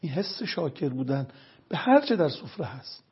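With a fairly high, husky, very animated voice, a man speaks as a guest religious health lecturer, explaining earnest points in turn and weaving in stories to illustrate them. The recording is muffled.

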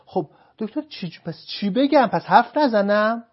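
A man's voice: animated, breathy edge, dull audio. A man acting an indignant, complaining spouse. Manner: high, strained, indignant. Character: hurt, complaining spouse pleading with counselor.

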